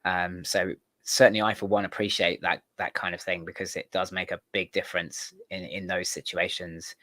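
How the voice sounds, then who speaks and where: A man with a very low voice hosts a relaxed studio interview. He talks in long, earnest, winding sentences. The sound is close and dry, with no room echo. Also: normal speed. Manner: rambling, earnest. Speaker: podcast host. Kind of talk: casual interview chat.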